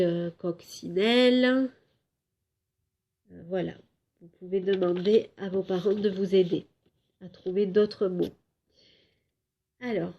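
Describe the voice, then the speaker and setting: A woman teaching a home lesson to young children, slowly clapping out syllables and drawing out words for them. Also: medium pitch, dark tone, lo-fi sound. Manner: slow, clear syllable-by-syllable teaching; drawn-out, emphatic words for children. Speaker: kindergarten teacher.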